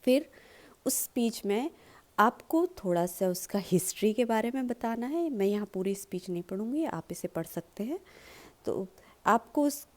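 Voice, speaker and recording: A woman with an Indian accent, explaining in a tutorial lesson and slowly stressing sample lines. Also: on the high side, lively intonation. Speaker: public speaking teacher.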